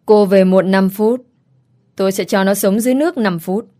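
A woman voicing a cruel young rich man in a spoken horror story, cold and flat, menacing. The voice is mellow and low-key, with a middling pitch that stays steady. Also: normal speed, lightly acted.

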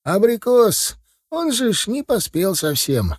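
A man's voice: high-pitched, very animated, slow, husky, voice pushed up, heavily acted. A man reading an audiobook voices an old village grandpa, fretful and talking in rustic dialect.

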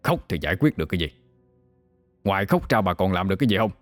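Man voicing an irritable father, barking his orders fast. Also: deep voice, animated, dry recording, soft background music. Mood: irritated. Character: short-tempered middle-aged village father.

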